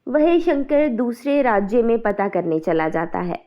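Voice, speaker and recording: A woman narrating a scripted cartoon moral story in an even storytelling voice. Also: on the high side, a little slow. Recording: dull, muffled sound.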